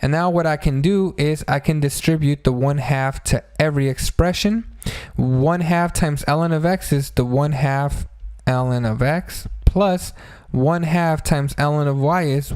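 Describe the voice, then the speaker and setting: A man's voice: medium pitch, darkish tone, clean tone, no room sound. A man teaching math in an informal, chatty step-by-step way, talking through a sore, injured throat that hurts when he speaks. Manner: chatty, addresses listeners as friends, step-by-step explaining. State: sore throat, pained to talk after a blow to the throat. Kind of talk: informal tutorial on math problems.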